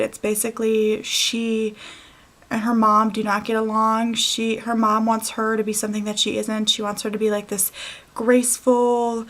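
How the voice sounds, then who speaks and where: Chatty young woman vlogger. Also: a little high. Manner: chatty, rambling, with many fillers and swears. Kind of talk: casual chat.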